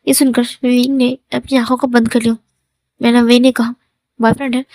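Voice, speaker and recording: Woman storyteller, fairly high voice. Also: normal speed, no room sound. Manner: plain, steady narration with quoted dialogue. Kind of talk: storytelling in Hindi.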